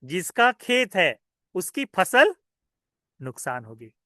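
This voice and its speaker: A Buddhist monk telling a teaching story to children, his voice fairly high for a man. He keeps asking his listeners questions and answering them himself. The sound is dry and close. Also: sing-song, slow pace, sharp tone, dry recording.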